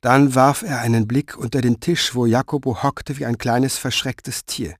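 A man narrating an audiobook in a measured, dramatic storytelling manner, close to the mic. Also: mid-range voice, fairly even intonation, no echo.

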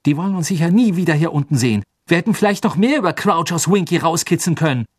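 A man's voice: on the high side, expressive, fast, slightly rough, no echo, clean studio sound, voice pushed up. A man voicing a grumpy, irritable teenage schoolboy in a reproachful tone for an audiobook. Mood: angry.

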